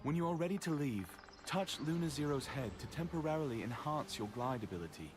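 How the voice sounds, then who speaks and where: A man voicing a grave, rock-bodied male guardian in a game, his voice sounding metallic and robotic as he gives earnest, measured advice. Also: fairly high pitch, animated, over music. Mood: solemn concern. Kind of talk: game character dialogue.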